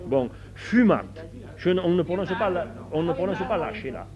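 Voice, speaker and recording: A man's voice: high-pitched, animated, moderate pace, darkish tone. A man, carefully explaining how local place names are pronounced to a group, often restarting his sentences. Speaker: local place-name researcher. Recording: muffled lo-fi room recording with group.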